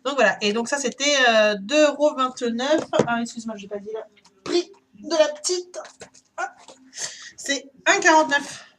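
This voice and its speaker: A woman's voice: high-pitched, measured pace, fairly bright tone, a little hiss or hum. A woman chatting casually through a shopping haul, hesitant and full of fillers. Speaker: YouTuber.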